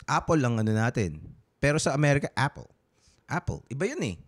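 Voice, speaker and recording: Fast and sing-song at a medium pitch, this man co-hosts a podcast with a Filipino accent. He talks casually in Tagalog and English, rambling and hesitant, often restarting and leaning on fillers.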